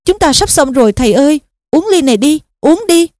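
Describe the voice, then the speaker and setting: A woman's voice: sits high, expressive, brisk, darkish tone, no echo, clean studio sound, voice pushed up. A woman voicing a desperate teenage boy wizard, urging and pleading frantically.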